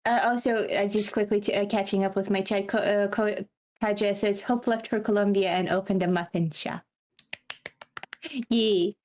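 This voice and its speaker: A woman's voice: mid-range voice, steady tone, normal speed, darkish tone, a little hiss or hum. A woman chatting casually on a stream, reading her chat aloud and rambling with frequent laughter.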